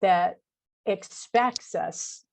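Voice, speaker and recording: A woman's voice: mid-range voice, extremely slow, gravelly. A woman, a behavioral health specialist, responds in an affirming way and often backs up the other speaker. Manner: affirming, frequent "mm-hmm". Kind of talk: conversational panel discussion.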